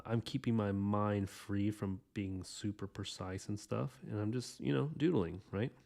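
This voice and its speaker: Sketching as he speaks, this thirtysomething podcast host gives a loose, chatty drawing lesson full of rambling and restarts. His voice is low, creaky and mellow.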